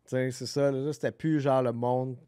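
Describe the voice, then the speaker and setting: A man's voice: medium pitch, fairly even intonation, a little fast, warm tone, clean tone, dry recording, studio quality. A man with a Québécois accent hosting a podcast, joking and teasing in loose chat. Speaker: podcast host. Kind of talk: casual chat.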